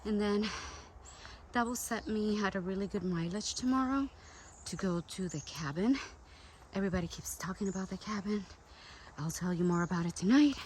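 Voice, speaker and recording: A woman's voice: mid-range voice, moderate pace, darkish tone. A woman hiker chatting to her camera outdoors on a trail, thinking aloud and sometimes out of breath. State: out of breath while hiking uphill. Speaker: long-distance hiker. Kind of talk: casual trail vlog. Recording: noisy outdoor recording.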